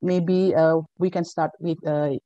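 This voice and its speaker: Woman, indonesian accent, mellow dark voice, dry webcam sound, careful, uh fillers. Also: low-pitched, fairly even intonation, a little slow, no echo, highs cut off. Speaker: moderator. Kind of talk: moderating a film Q&A. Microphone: webcam on a video call.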